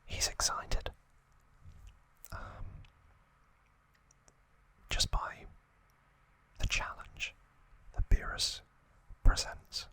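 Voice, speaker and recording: This is an ASMR host, a man, recapping slowly and quietly in brief phrases with a whisper that is breathy and unvoiced.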